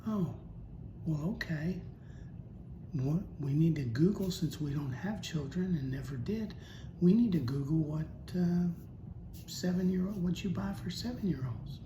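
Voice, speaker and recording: A man puts on a fussy, exclaiming older wife reading the mail aloud. The delivery is unhurried. It sounds like an echoey room with a steady noise underneath. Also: fairly high pitch, pitched above the performer's own voice, close to an everyday voice.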